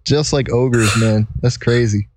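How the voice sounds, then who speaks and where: A man's voice: mid-range voice, measured pace, noisy background. A young man hosting a casual podcast while recording under a blanket, rambling and giggling as he talks. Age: young adult. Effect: muffled, recording under a blanket. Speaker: podcast host.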